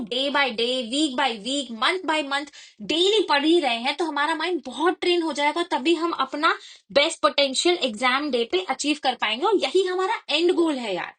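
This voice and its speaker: A woman's voice: sits high, a bit bright. A woman explaining an exam study routine, mixing Hindi and English and often checking in with her listeners. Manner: conversational Hindi-English mix with frequent check-ins. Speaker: exam prep educator.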